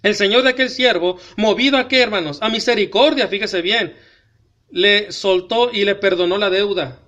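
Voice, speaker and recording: Man, pastor, very high pitch, emphatic sermon, scripture reading with commentary. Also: bright, forceful tone, dull audio. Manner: repeatedly addresses the congregation as brothers, emphatic; reads scripture aloud slowly with commentary. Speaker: preacher.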